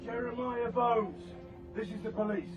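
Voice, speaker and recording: A man's voice: extremely high pitch, flat delivery, normal speed, dull audio. A man playing a police officer who makes a formal arrest announcement through a megaphone. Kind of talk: TV crime drama acting. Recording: distant voice over loud music and crowd.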